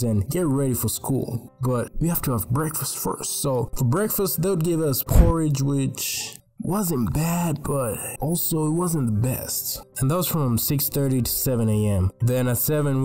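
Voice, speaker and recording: A teenage man from Tanzania narrating a comedic animated story in a joking, slangy way. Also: mid-range voice. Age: teens.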